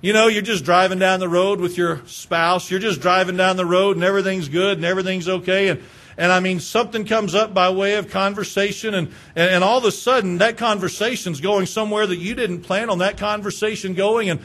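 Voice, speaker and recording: A man pastor preaching a sermon, asking the listeners rhetorical questions and repeating words as he builds each point, moving between hushed lines and raised ones. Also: high voice, fairly even intonation, a little fast.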